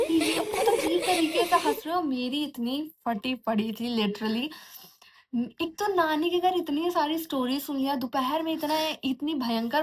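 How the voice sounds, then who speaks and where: A young woman vlogger casually telling a horror story from her own life. She talks in a chatty way, restarts often and mimics eerie sounds like jingling anklets and giggles. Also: sits high. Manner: chatty, restarts often, mixes in English words.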